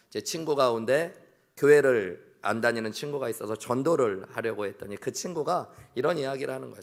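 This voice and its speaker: A middle-aged male pastor preaching a sermon, telling personal stories and rising in pitch when he retells lively scenes. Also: creaky. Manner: storytelling, voice rising in animated retellings. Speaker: senior pastor. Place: church sanctuary.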